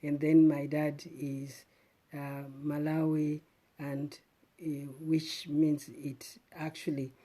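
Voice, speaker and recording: A middle-aged woman from Zimbabwe, hosting a casual live stream and thinking aloud in an unhurried way, with many "um"s and restarts. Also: low-pitched, warm tone.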